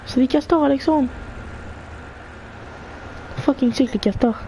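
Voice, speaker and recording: Gamer chattering thru a match, hypes up friends, swears in english, faint hum behind. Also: high-pitched. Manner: excitable, cheering teammates on rapidly; sprinkles in English gaming slang and swearing. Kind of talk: live gameplay chatter.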